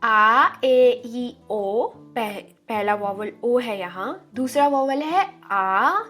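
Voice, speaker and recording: A woman giving an online language lesson, drawing out each word slowly and asking the viewers questions. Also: fairly high pitch, lively intonation, a bit bright. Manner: slow, drawn-out spelling of each word; encouraging, asks questions to viewers. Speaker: language teacher.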